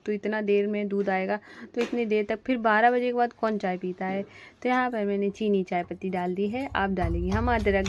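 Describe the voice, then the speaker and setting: A woman's voice: mid-range voice, darkish tone. Chatty homely woman narrating her day. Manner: chatty, homely, many fillers like "है ना". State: slightly hoarse throat. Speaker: vlogger, housewife. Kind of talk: casual voice-over vlog narration.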